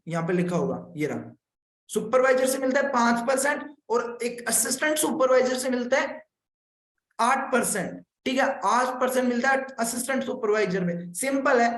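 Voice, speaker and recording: A man from India, a business consultant, explaining a marketing plan on a live stream. He repeats his points and keeps checking that viewers follow. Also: very high voice. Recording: echoey room.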